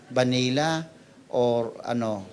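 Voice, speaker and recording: A male pastor with a Filipino accent preaching a sermon in a mix of Tagalog and English. He teases his listeners playfully, swings up loud and high to stress a point, then drops to quiet asides. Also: slow. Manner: switches between Tagalog and English, playful and teasing.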